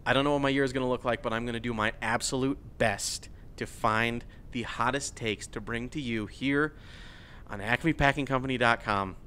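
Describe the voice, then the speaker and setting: A man's voice: medium pitch, moderate pace, bright, forceful tone, a little hiss or hum. A young man hosting a football hot-take segment, ranting in an incredulous, mocking way. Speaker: host. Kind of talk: ranting sports commentary.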